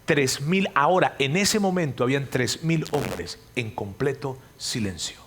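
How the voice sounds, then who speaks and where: A man preaching a sermon, earnest and pleading, repeating his phrases and telling the story with sudden loud and quiet turns. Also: medium pitch, expressive, measured pace.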